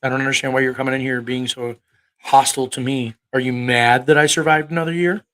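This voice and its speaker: Speaking quickly in a steady, fairly bright mid-range voice, a man in his thirties preaches on a livestream. He argues with chat combatively, swears freely, and fires rhetorical questions at them.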